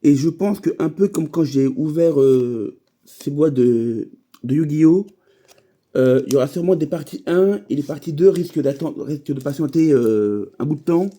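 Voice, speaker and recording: A man's voice: fairly high pitch, lively intonation, normal speed, mellow. A man chatting casually while opening trading card packs, rambling from thought to thought with many fillers and restarts.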